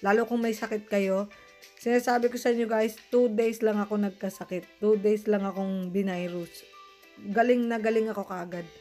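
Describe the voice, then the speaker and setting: A woman's voice: medium pitch, fairly even intonation, normal speed, warm tone, soft background music. A woman with a Filipino accent, chatting casually to viewers in a home vlog while getting over the flu, her voice a little changed by it. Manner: chatty, addresses viewers as guys. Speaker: vlogger. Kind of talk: casual cooking and gardening vlog.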